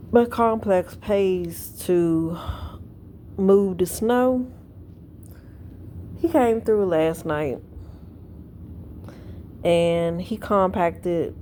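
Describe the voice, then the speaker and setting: A woman's voice: on the low side, mellow, slight background noise. A woman vlogging from home in casual chat, tired and yawning, telling a rambling story. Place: at home indoors.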